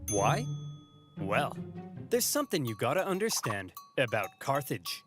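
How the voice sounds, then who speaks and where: Animated man narrating comic history, music behind. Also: medium pitch, unhurried. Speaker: video narrator. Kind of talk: scripted comedic history narration.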